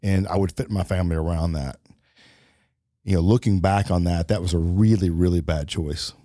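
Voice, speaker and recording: A man's voice: deep voice, steady tone, moderate pace, dark tone, no echo, studio quality. A middle-aged man talking reflectively in a casual podcast conversation, with many fillers and restarts. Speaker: podcast co-host.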